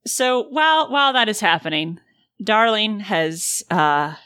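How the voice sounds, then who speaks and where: Woman game master, bright forward voice, super dry sound, talks players through the game casually. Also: medium pitch, lively intonation, a little slow, smooth, no room sound. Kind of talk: casual tabletop game narration.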